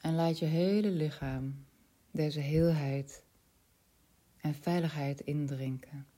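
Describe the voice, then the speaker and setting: A woman leading a spiritual guided meditation in a soft, slow voice that often drops to a whisper. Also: sits low.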